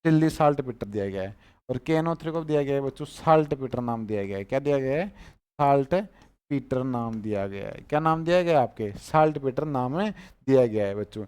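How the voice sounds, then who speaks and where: A man's voice: medium pitch, a little fast, darkish tone, clear, resonant tone. A man with a Rajasthani Hindi accent teaching chemistry, repeating each name and quizzing his students on it. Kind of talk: chemistry class lecture.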